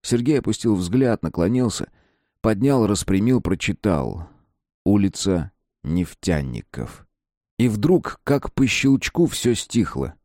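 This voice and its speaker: A man narrates a story with expressive, dramatic reading. His low, mellow voice ranges widely in pitch, recorded dry and close with no room sound. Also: a little slow, no echo. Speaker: audiobook narrator. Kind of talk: scripted narration.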